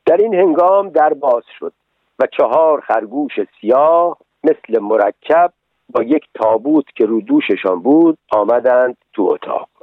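A man narrates a storybook in a steady, measured voice of average pitch. The sound is tinny and phone-like, with no room echo, like an old radio broadcast. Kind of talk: storybook reading.

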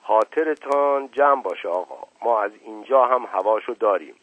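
Man voicing an old male servant, folksy, evasive, stammering, husky, tinny radio sound. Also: on the low side, lively intonation, no echo. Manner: repeats stammering catchphrase, hesitant "ah, ah". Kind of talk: audiobook reading. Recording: tinny lo-fi radio broadcast, dry.

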